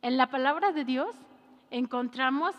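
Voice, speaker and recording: A woman pastor, preaching a lively sermon and acting out scolding voices. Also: high voice, a little slow. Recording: reverberant hall, dull lo-fi sound.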